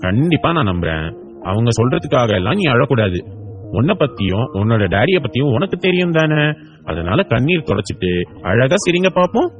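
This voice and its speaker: A man voicing a kind adult who gently coaxes and comforts a crying child, for an audiobook. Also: medium pitch, very animated, a little fast, muffled recording, faint music behind. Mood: coaxing. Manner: gentle, coaxing, affectionate. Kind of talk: audiobook character voice.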